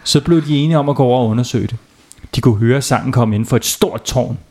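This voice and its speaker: Playful dad telling a bedtime story. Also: male voice, medium pitch, darkish tone. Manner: playful, asks the children questions. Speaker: father telling bedtime stories. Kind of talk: children's bedtime story narration.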